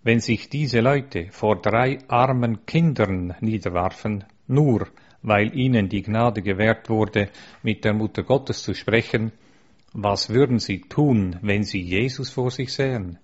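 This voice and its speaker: A man earnestly reading aloud a religious eyewitness account, measured and steady, with a few small stumbles. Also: on the low side. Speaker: narrator. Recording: dull lo-fi recording.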